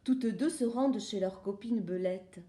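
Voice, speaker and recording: A woman's voice: medium pitch, measured pace, mellow. A woman reading a children's story aloud in a playful, sing-song way. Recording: roomy echo.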